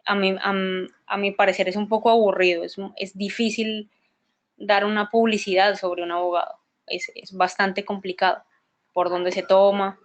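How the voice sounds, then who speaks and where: A woman's voice: mid-range voice, little pitch movement, normal speed, muffled recording. A woman speaking at a conference in a middle-range voice. She explains her points step by step, often stumbles and restarts, and keeps asking the audience for agreement with short tag questions. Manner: hesitant, repeats words and restarts often. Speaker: conference presenter. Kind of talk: explanatory presentation talk.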